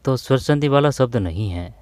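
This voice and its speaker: A man teaching an exam-prep grammar lesson, repeating terms slowly and often calling his viewers "brother". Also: medium pitch, lively intonation, a little mellow, no room sound. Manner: repetitive, drawn-out explaining, addresses viewers as bhai.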